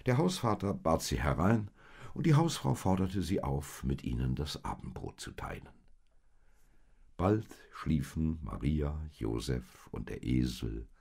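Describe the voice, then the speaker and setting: A man reading a children's story aloud in an expressive, gently paced storytelling manner. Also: extremely low pitch, a little slow, creaky, breathy edge. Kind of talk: storybook narration.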